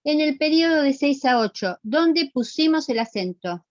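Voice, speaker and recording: A fairly high-voiced woman gives an online lecture, patiently explaining and asking her students questions. Her audio comes through dull and muffled over a video call, with a close, dry sound and no room echo. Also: animated, moderate pace. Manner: explanatory, asks the class questions and repeats answers. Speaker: teacher.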